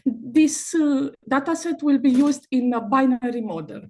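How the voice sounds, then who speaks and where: Speaking remotely over a video call, a young master's student gives a conference presentation in a high, warm voice at a somewhat slow pace. She hesitates often, filling gaps with uh and restarting sentences.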